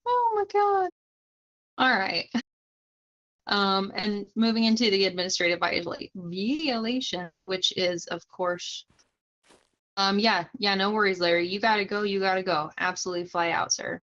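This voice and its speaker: A woman's voice: mid-range voice, animated, moderate pace, a bit bright, lo-fi sound. A young woman casually explaining roleplay police charges on a livestream, chatting to viewers and laughing easily.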